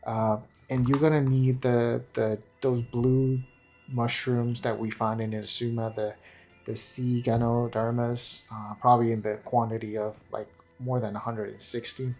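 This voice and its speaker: A gaming channel host gives casual, unscripted game commentary, rambling and hesitant and often repeating and correcting himself. His medium-pitched voice is level, measured in pace and darkish in tone. Music plays in the background.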